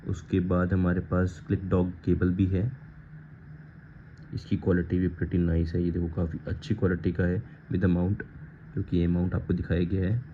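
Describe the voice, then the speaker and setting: In a casual unboxing and installation video, an Indian gear-review vlogger speaks at a moderate pace with a low, level voice. He keeps it informal and mixes Hindi and English phrases, while the lo-fi recording sounds muffled and has faint background noise.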